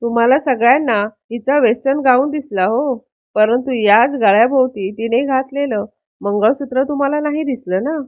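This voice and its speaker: A woman's voice: sits high, moderate pace, natural voice. A woman reading the lines of a proud young man who firmly defends his wife before a crowd. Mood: indignant. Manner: firm, indignant speech. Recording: tinny phone-like audio.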